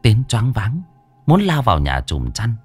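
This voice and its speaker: Brief: lively, dramatic male audiobook narrator, low and very animated, dry close sound. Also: unhurried, husky, dry recording, soft background music. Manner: dramatic, colloquial, earthy. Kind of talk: storytelling narration.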